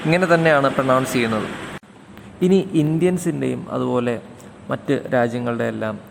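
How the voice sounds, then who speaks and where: A male lecturer with a gravelly voice, working through his material step by step and spelling out words letter by letter. His voice carries a long reverb, with faint noise underneath. He speaks at a middling pitch. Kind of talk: explanatory lecture.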